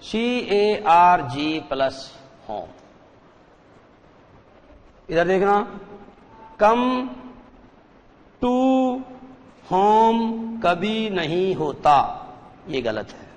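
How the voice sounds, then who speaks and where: A man teaches a class in a fairly high voice. He explains slowly and says key points twice. His voice rings with a long reverb, as in a broadcast studio. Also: animated. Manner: explains slowly, repeats points, calls pupils "children". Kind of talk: classroom lecture.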